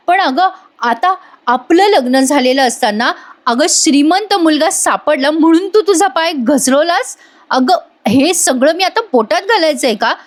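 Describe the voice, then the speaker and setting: A woman's voice: high voice, natural voice. A woman voicing a heartbroken young husband who accuses his wife through tears.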